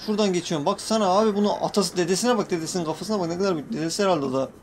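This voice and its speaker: Young man, high voice, excitable, nervous gaming commentary, faint background hiss. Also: racing. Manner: jumpy, excitable, swearing playfully at in-game creatures. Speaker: gaming YouTuber. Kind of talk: casual Let's Play commentary.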